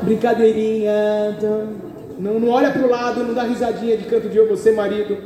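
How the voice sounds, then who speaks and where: A pastor with a Brazilian Portuguese accent preaching a sermon, calling out questions to the congregation and joking in asides. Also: male voice, high-pitched, little pitch movement, brisk, warm tone, a faint crowd. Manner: preaching with audience call-and-response, joking asides. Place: church hall. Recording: echoey hall, picked up from far.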